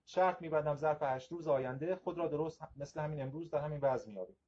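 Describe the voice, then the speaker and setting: A man's voice: on the high side, a little mellow, lightly acted. A man reading as a dismissive younger prisoner. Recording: slightly dull lo-fi recording.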